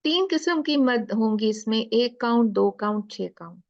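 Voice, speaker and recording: A woman's voice: fairly high pitch, expressive, normal speed, creaky, dull audio. A woman teacher explaining recitation rules in a class, asking questions and drawing out letter sounds. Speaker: tajweed teacher.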